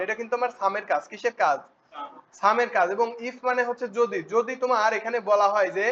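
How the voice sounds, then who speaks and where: High-voiced man teaching spreadsheet formulas. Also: a bit bright. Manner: asks the class quick check questions. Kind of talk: spreadsheet tutorial. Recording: dull lo-fi recording with faint noise.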